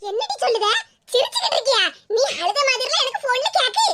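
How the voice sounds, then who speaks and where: Woman voicing a loud, protective cartoon mom. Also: very high voice, big pitch swings, fast talker. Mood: laughing. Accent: southern Tamil. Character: fierce, doting middle-aged mother. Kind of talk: cartoon voice acting. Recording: loud background hiss.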